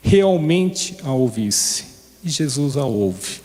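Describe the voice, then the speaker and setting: A man's voice: mid-range voice, lively intonation, slow, darkish tone. A man preaching in a conversational way at a recovery group, asking his listeners questions. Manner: conversational, asks the audience questions. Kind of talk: sermon. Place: church hall. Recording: long reverb of a hall.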